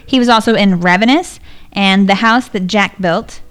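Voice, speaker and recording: A woman's voice: mid-range voice, normal speed, a bit bright, clean tone. A woman co-hosting a podcast, chatting casually and laughing as she reads through a film's cast. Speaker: podcast co-host. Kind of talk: casual chat.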